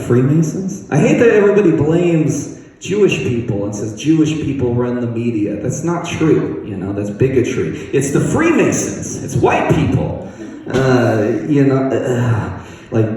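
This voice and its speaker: A man doing a stand-up set at an open mic, rambling and deadpan, jumping high in pitch for punchlines. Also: very echoey, long reverb tail, far from the mic, rough recording. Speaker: stand-up comedian. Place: comedy bar open mic.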